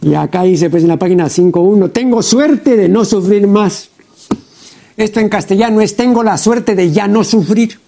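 A man with a high voice and a gravelly rasp delivers studio commentary for a TV program. He is deliberate and pedantic as he lists error after error. He keeps checking in with his listener through short questioning tags. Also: warm tone. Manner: deliberate and pedantic, with frequent "¿no?" and "pues". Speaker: TV program host. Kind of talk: studio commentary critiquing a translation. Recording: TV program audio.

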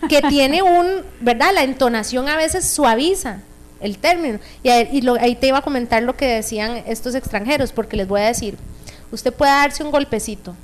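A woman's voice: high voice, normal speed. A Costa Rican woman hosting a radio talk show, chatty and playful, acting out sayings with exaggerated tone. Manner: playful, acts out phrases with exaggerated tone. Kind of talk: casual radio chat.

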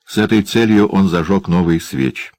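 A man narrating a literary audiobook in a measured storytelling manner. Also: low voice, a little mellow, dry recording.

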